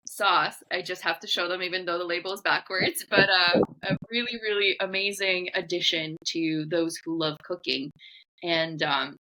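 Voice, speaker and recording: A woman's voice: fairly low pitch, pushed and bright, low-quality recording. A woman hosting a podcast, introducing her guest enthusiastically, with frequent ums. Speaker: podcast host, entrepreneur. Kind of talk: podcast interview.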